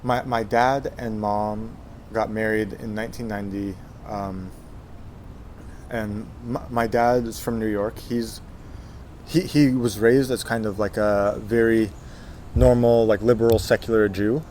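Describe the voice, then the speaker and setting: A man's voice: on the low side, fairly even intonation, a little slow, a little mellow, a little hiss or hum. A man in his twenties, born in Texas, telling his life story in a casual interview, with many fillers and restarts. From Texas, USA. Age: 20s. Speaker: interview guest.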